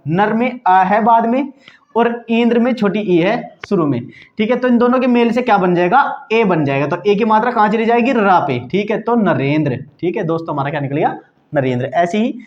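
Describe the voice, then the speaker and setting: A man whose voice sits high teaches grammar on a muffled recording. His habit is to say "ठीक है दोस्तों" again and again, check in with his listeners, and pose quiz-like questions he then answers.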